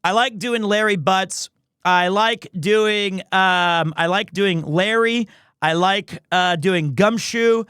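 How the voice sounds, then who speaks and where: A man's voice: sits high, slow pace, fairly bright tone, clean tone, no echo, studio quality. A man hosting a livestream, chatting casually with viewers in a rambling, playful way. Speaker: livestream host, amateur voice actor. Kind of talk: casual chat with stream viewers.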